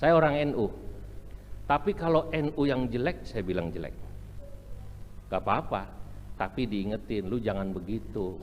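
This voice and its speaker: Slow, echoey preacher. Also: male voice, medium pitch, slight background noise. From Indonesia. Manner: chants and sings Arabic phrases, jokes about regional accents. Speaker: Islamic preacher. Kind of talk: humorous religious lecture. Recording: echoey hall, faint room ambience.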